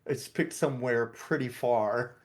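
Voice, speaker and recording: A man's voice: medium pitch, unhurried. A man taking part in a tabletop game as a player, easygoing and chatty. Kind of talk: casual tabletop game play.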